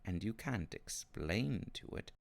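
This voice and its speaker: A man's voice: low voice, expressive, takes it slowly, gravelly, full character voice. A man voicing a tall, thin, sinister old uncle in a storybook reading, slyly polite and gleefully menacing, drawing out his words. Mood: slyly pleased.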